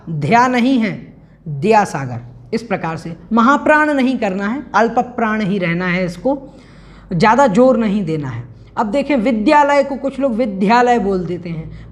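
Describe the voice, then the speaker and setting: A woman teaching an online scripture class, patiently explaining verses, chanting them slowly and drilling pronunciation. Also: medium pitch.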